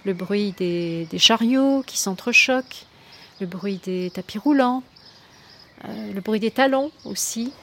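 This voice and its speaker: A poet who also works as a flight attendant speaks reflectively in an interview, searching for words and repeating phrases for emphasis. Her medium-pitched voice is a little slow, with clear ambient noise behind it.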